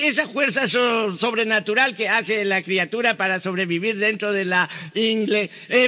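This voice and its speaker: A comic man trading jokes, spouting pompous mock-learned nonsense and quick replies. His voice is high and very bright, swooping all over the place. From Paraguay. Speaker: comic partner.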